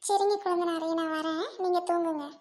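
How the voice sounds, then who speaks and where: A woman voicing a kind young sister-in-law who talks softly and politely, reassuring her brother-in-law in an amateur audio drama. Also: very high-pitched, fairly even intonation, brisk.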